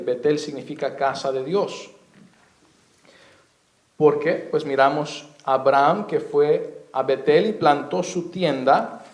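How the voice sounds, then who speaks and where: Slow-preaching pastor in an echoey church. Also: male voice, on the high side. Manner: slow, explanatory preaching, spelling out names and words. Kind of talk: sermon.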